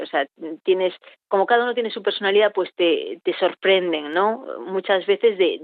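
A Spanish woman who works as a veterinarian at a chimpanzee sanctuary answers interview questions over a tinny phone line. Her voice is fairly low and the recording dry, and she sounds reflective, searching for words.

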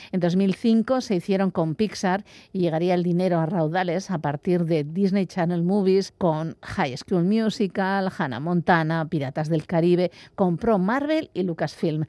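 A woman radio presenter, reading a measured, informative scripted segment. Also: lowish voice, mellow, no echo. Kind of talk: scripted narration.

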